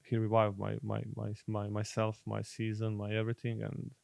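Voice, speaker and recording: Croatian-accented man, low gravelly voice. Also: completely flat delivery, darkish tone, dry recording. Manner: halting, repeats words while searching for English. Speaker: guest footballer. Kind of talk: casual podcast chat.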